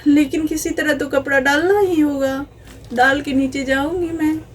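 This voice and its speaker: A woman acting out a fussy young mother doll in a homemade doll story. She frets and scolds in a sing-song way, her voice pitched very high with a faint hiss behind. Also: steady tone, moderate pace, lightly acted. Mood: tired.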